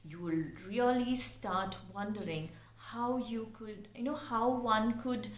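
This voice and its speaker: A woman gives a pronunciation lesson, speaking slowly and deliberately. Her voice carries a noticeable room echo. She is earnest and explanatory, and she spells words out letter by letter. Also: fairly high pitch. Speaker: English teacher.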